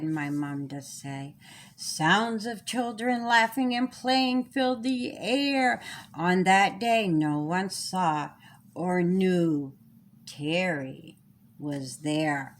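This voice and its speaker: A woman with a mid-range voice reads her own children's storybook aloud. Her delivery is deliberate and sing-song, following the rhymes and leaning on dramatic pauses.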